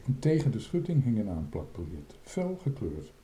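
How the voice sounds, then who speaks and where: A man reads a children's story aloud with a very dark, mellow voice that swings widely in pitch. He tells it dramatically, and the room around him adds a clear echo. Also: moderate pace. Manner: expressive, dramatic. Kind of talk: reading a children's book aloud.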